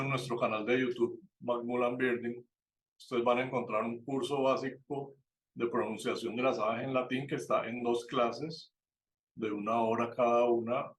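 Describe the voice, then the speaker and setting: A man's voice: mid-range voice, slight background noise. A man from Colombia, teaching an online birding class and explaining things step by step, checking in with his students and correcting himself as he goes. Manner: self-correcting, with fillers and restarts. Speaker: birding course instructor.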